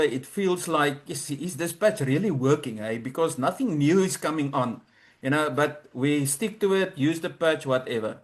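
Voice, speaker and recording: Halting man sharing his testimony. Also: mid-range voice. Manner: halting, with frequent restarts and fillers. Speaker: testimonial speaker. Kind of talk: personal testimony at an online presentation.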